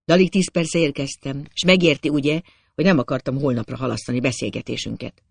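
A man reading an audiobook, voicing a calm, sorrowful young gentleman who speaks in a quiet, measured and solemn way. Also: medium pitch, vocal fry, slightly rough, dry recording. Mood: apologetic. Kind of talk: audiobook character voice.

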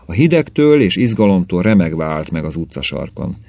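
A man narrating a short story aloud in a measured, steady storytelling manner. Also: sits low, creaky, no echo. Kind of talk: audiobook reading of a short story.

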